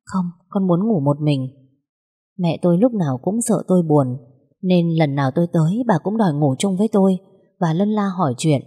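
Female narrator for a first-person story, mellow and low, plain delivery. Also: a little fast, slightly rough.

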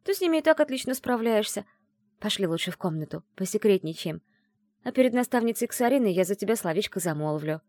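A woman voicing a lively, scheming young female student of magic who talks bossily and excitedly. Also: mid-range voice, dry recording, studio quality, pitched above the performer's own voice, lightly acted. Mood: cheerful, coaxing. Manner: bossy, fast and excitable.

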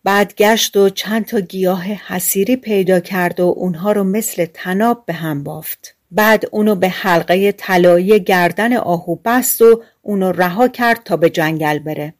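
A woman narrating a fairy-tale audiobook in a calm, measured storytelling manner. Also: fairly low pitch.

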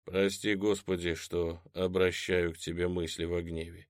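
A man voicing a calm, stern cleric who speaks in a measured, quiet way. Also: low voice, no echo, clean studio sound, close to an everyday voice.

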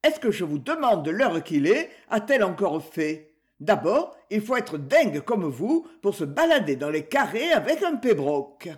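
A brusque young woman snaps back in rude slang, as the narrator puts her on. The delivery is slow, with a lively rise and fall in pitch. She belongs to an audiobook crime story. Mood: scornful.

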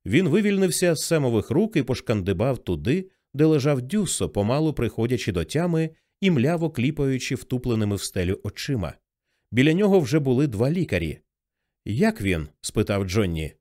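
Expressive male audiobook narrator. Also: medium pitch, a little fast. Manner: expressive reading.

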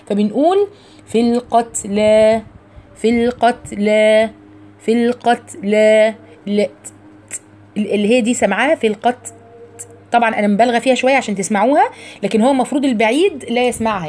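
A woman with an Egyptian accent teaching a recitation lesson to a group of women. She chants verses in a slow, drawn-out way, then breaks into chatty explanation, repeats model sounds and quizzes her listeners. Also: fairly high pitch, a little mellow. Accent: Egyptian Arabic.

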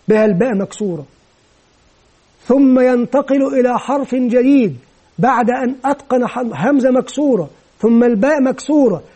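A man with a very high-pitched voice that is also dark and mellow in tone. He lectures in a calm, methodical way, laying out each step of a classroom method in order. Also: husky. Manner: measured, methodical explaining. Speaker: teacher trainer. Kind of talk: explanatory lecture on teaching method.

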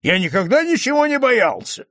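A man voicing a drunken, mocking man who flares up quickly, with slurred, laughing bluster in an audiobook reading. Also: on the high side, wildly swooping pitch, creaky, husky, no room sound, studio quality, heavily acted.

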